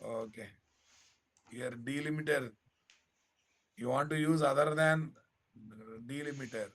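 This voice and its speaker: Blunt Indian instructor with a Telugu accent. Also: male voice, medium pitch, steady tone, measured pace, a bit bright. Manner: blunt, scolding, repeats phrases and rhetorical questions. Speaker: programming instructor. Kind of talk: live technical lecture to a class.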